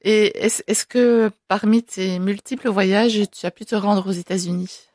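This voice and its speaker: Woman host, medium pitch, dry close sound, friendly questioning. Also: steady tone, unhurried, darkish tone, dry recording. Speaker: interviewer host. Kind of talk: casual interview.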